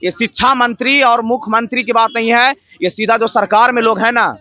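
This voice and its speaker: A man's voice: extremely high pitch, fairly even intonation, a little fast, pushed and bright. A man, a protesting teacher candidate, speaking aggrieved in a street interview and firing off rhetorical questions. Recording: dull lo-fi street recording.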